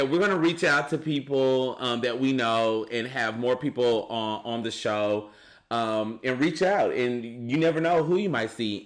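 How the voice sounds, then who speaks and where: A man with a mid-range voice chatting as a podcast co-host. He is eager, jumps in often and repeats his partner's points. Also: medium pitch. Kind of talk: casual chat.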